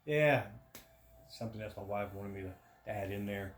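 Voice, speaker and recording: A man's voice: on the low side, completely flat delivery, a little fast. A man chatting casually to camera in a plain-spoken, matter-of-fact way, as in a personal vlog update. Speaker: vlogger giving a surgery recovery update. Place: indoors at home. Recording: roomy home echo with faint noise.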